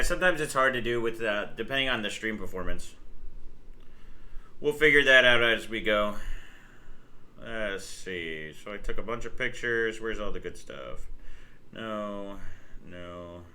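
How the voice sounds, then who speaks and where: His voice is fairly low yet bright and forceful. He's a livestream host from New Jersey, keeping things casual and chatty as he greets his audience and explains the computer's overclocking settings mid-task.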